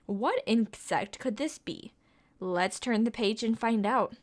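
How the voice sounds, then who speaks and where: A children's storytime reader, young and with a voice on the high side, goes slowly through a picture book. She asks the kids questions in a coaxing, sing-song manner.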